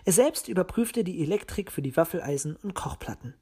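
A woman narrating a children's story audiobook in a calm, measured reading. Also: on the low side, slightly rough.

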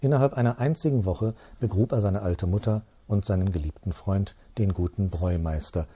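A man reads a classic story aloud in a low, husky voice. His narration is calm and measured, with a steady pace. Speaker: audiobook reader. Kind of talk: literary reading.

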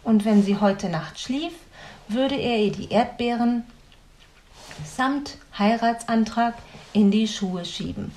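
A woman reading a story aloud in a calm, measured way. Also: fairly high pitch. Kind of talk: scripted story narration.

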